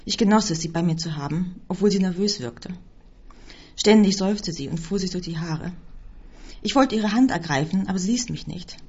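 A woman reading a first-person story aloud as scripted narration, with a husky voice. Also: fairly low pitch, moderate pace, a little mellow. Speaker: audiobook reader. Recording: dull lo-fi recording.

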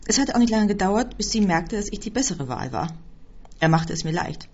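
A woman reading a first-person story aloud as scripted narration, with a husky voice. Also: mid-range voice, sing-song, fairly quick. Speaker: audiobook reader. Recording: dull lo-fi recording.

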